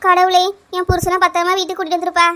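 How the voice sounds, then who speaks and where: A woman's voice: extremely high pitch, completely flat delivery, pushed and bright. A woman voicing a strict, scolding mother in a cartoon, speaking with a Kanyakumari Tamil accent. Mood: worried. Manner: scolding, rapid. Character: scolding village mother Chinnaponnu, anxious and strict. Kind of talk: cartoon voice acting.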